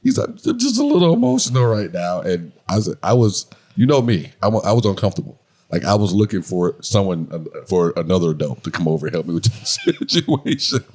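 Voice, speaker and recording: A man's voice: low voice, expressive, fairly quick, darkish tone, breathy edge. A man co-hosting a casual podcast chat with his wife, joking and teasing, laughing often as he tells stories. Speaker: podcast co-host.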